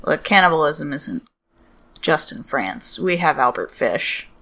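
A woman's voice: low-pitched, sing-song, unhurried, sharp tone. A woman co-hosting a podcast, reacting and asking questions in casual conversation. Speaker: podcast co-host.

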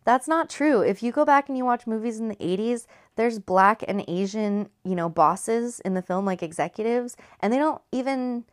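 A woman's voice: on the high side, lively intonation, normal speed, hardly any pauses, no echo, clean studio sound. A woman in her thirties chatting casually as a podcast host and recapping a movie, talking in a chatty, profane way with lots of filler words. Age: 30s.

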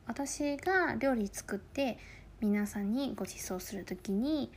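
A woman teaching phrases in a language lesson, explaining slowly and carefully, with stressed example words. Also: fairly high pitch, slightly rough.

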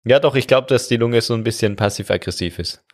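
A man co-hosting a comedic podcast, relaxed and musing. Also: medium pitch, quick pace. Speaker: podcast host. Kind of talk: casual comedic chat.

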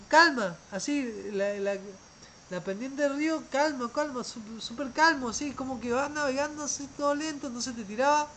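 A man's voice: very high-pitched, slight background noise, rough recording. A man tells travel stories casually, rambling, often restarting words and trailing off. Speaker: traveler telling a story.

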